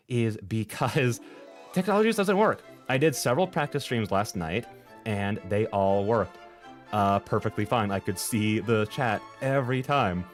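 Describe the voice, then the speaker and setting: A man streamer chatting casually in a rambling, expressive way, with exaggerated exasperation. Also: lowish voice. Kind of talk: casual livestream chat. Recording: music playing behind the voice. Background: background music.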